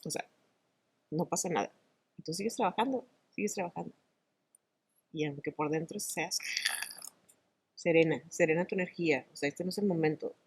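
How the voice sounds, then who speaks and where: A middle-aged woman, an actress and oral storyteller, talking in an interview in an animated, expressive way. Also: sits low, normal speed, long pauses, slightly rough. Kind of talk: conversational interview.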